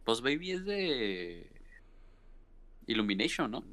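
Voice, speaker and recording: A man's voice: medium pitch, big pitch swings, slow pace, fairly bright tone. A young man with a Mexican Spanish accent, throwing in dry wisecracks during a casual podcast chat.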